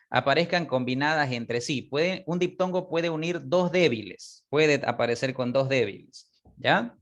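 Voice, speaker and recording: A man teaching a class, explaining step by step, repeating example words slowly and often checking that students follow. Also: medium pitch, a bit bright. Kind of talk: online class lecture.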